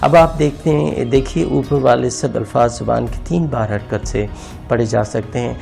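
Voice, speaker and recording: A man's voice: medium pitch, normal speed, creaky, darkish tone, soft background music. A man teaching an English grammar lesson, patiently repeating words and splitting them into syllables for his viewers. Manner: addresses viewers as friends. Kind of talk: explaining a grammar lesson over slides.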